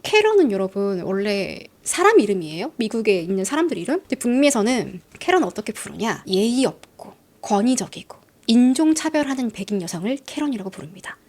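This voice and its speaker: A woman tells a true-crime story in a chatty, lively way, speaking straight to her listeners. Her voice sits high and swings up and down with animated emphasis. She keeps an easy, conversational storytelling flow. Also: a little fast, hardly any pauses.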